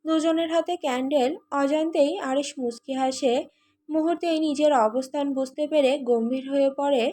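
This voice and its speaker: High-voiced woman reading a romance story. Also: normal speed. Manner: steady storytelling. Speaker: audiobook narrator. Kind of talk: scripted narration.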